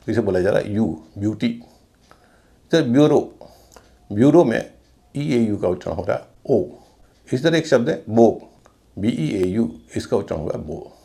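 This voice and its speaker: A man's voice: mid-range voice, vocal fry, mellow. A man teaching English pronunciation in a lesson, spelling words out letter by letter and then saying them. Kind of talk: explanatory lesson.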